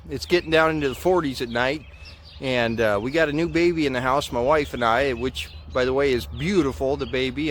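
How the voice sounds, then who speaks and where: Male vlogger, American, thirties, casual and hesitant, slightly muffled lip, outdoor recording with light ambient noise. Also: mid-range voice. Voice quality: slightly muffled speech from a lip full of dip. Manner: folksy, hesitant, rambling. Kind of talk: casual chat to camera. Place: outdoors in a farmyard. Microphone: camera or phone at about arm's length.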